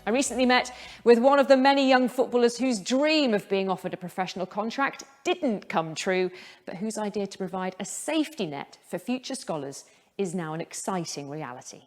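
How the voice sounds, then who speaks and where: A woman's voice: mid-range voice, fairly quick, long reverb tail, soft background music. Polished female TV presenter. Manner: polished, clearly enunciated, emphatic. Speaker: TV presenter, host. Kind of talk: scripted presenting.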